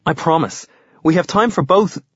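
An actor playing an earnest history teacher who lectures in a measured, explanatory way. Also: male voice, fairly high pitch, animated, a bit bright, husky, no room sound, highs cut off. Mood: reassuring. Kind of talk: audiobook character voice.

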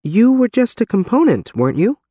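Man putting on a guarded, higher-pitched woman veteran. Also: big pitch swings, fairly quick, warm tone, breathy edge, no room sound, studio quality, heavily acted. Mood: probing. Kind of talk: audiobook character dialogue.

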